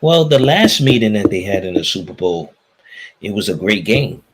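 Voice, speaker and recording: A man's voice: fairly low pitch, very animated, normal speed, a crowd in the background. An American man hosting a casual sports chat, opinionated and repeating phrases for emphasis. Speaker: talk show host.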